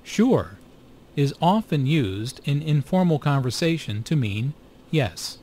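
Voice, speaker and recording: Man, scripted lesson narration, steady, slightly higher pitch. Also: very slow. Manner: reads explanations in a steady, even way. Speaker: recorded course narrator.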